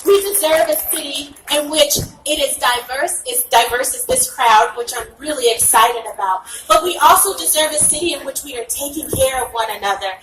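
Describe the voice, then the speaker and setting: Breathless high-voiced woman at a rally. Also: normal speed, hardly any pauses, over music. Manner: earnest, frequent "um" fillers. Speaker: candidate speaking at a rally. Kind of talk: outdoor rally speech. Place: outdoor rally stage. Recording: echoey, distant, noisy outdoor recording.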